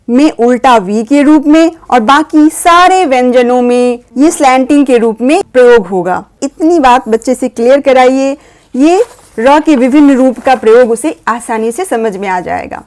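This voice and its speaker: A woman patiently explaining a grammar lesson to parents, slowly sounding out letters. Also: high voice, expressive, darkish tone, clean tone. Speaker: teacher guiding parents.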